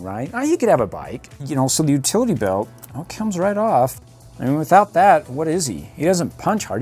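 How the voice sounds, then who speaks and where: Playful dad toy reviewer, animated swoops, jokes constantly, soft music underneath. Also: male voice, medium pitch. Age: middle-aged. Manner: goofy, joking, jumps between bits and impressions. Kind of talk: casual toy unboxing review.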